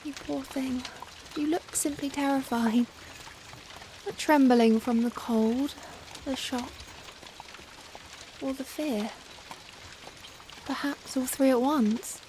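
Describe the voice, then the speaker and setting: Against a faint backdrop of rain, a woman voices a refined young Victorian vampire in an ASMR roleplay delivered as a soft dramatic monologue. Her pitch sits high and her tone is steady, soft-spoken and breathy when hushed, sounding apologetic and soothing, with formal, old-fashioned wording and hesitant pauses.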